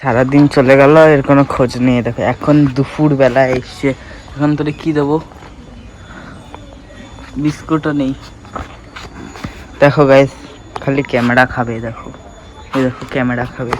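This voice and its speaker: A man's voice: medium pitch, flat delivery, moderate pace, long pauses, a little hiss or hum, low-quality recording. A young man vlogging his day at home, chatting casually to viewers with lots of fillers. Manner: chatty, filler-heavy, addresses viewers as guys. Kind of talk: casual daily vlog. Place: home and outdoors. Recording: home recording with loud background ambience.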